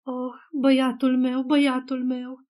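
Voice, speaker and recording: Femeie care citește un amiral bătrân, îndurerat; voce înaltă, catifelată. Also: female voice, sits high, completely flat delivery, mellow, close to an everyday voice. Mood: grieving. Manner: murmuring, groaning. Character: grieving old admiral, father.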